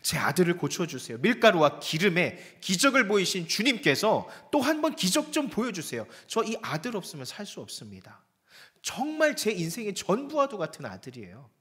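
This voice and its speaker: A man's voice: medium pitch, very animated, fast, few pauses, a bit bright, long reverb tail. A man voicing a grieving widowed mother who pleads desperately in raised cries while telling a sermon story. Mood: pleading.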